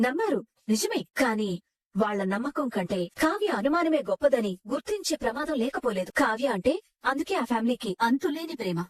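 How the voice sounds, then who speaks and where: A woman's voice: sits high, sing-song, brisk, no echo, clean studio sound. A woman playing a calculating schemer who speaks in cool, menacing tones in a TV serial. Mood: scheming. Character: scheming woman plotting with a minister. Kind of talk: Telugu TV serial acting.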